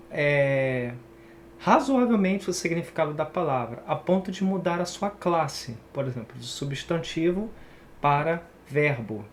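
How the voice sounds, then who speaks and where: A man's voice: a little high, slight background noise. A man from Brazil teaching an online English pronunciation lesson, casual and chatty, explaining while he writes on screen.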